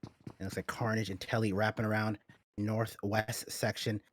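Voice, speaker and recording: A low-pitched man calls the action of a shooter tournament as its host. He moves from easy banter into quick, running play-by-play, with a faint hiss of background noise under his voice. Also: little pitch movement. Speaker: esports caster. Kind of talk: esports play-by-play commentary.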